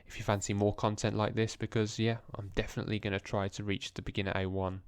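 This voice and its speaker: A young man, talking in a hushed, tired voice as he thinks aloud through language practice in a casual vlog. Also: lowish voice, little pitch movement, fast talker, clear, resonant tone, no room sound. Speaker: language learner vlogger. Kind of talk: casual screen-recorded vlog.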